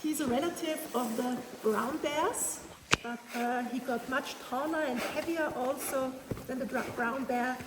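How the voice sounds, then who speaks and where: High-voiced woman guide in echoing cave. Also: a little slow. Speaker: tour guide. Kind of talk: explanatory guided-tour talk. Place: inside a large ice cave. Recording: echoey cave, distant mic, noisy.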